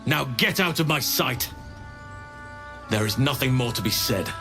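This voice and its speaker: Stern male druid leader, declamatory, angry, slow, clear music behind. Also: mid-range voice, lively intonation. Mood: righteous fury. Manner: grave, commanding, declamatory. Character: big druid leader, righteous, solemn, angry protector of nature. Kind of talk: video game voice acting. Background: game music.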